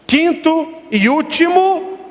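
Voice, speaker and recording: Man, priest, sermon, high animated voice, rhetorical questions, long echoing hall. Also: slow. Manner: storytelling with acted dialogue and rhetorical questions.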